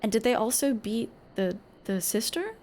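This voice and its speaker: A woman's voice: fairly high pitch, expressive, normal speed, a little mellow, a little hiss or hum. A woman giving casual, off-the-cuff commentary as she plays a video game. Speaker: game streamer.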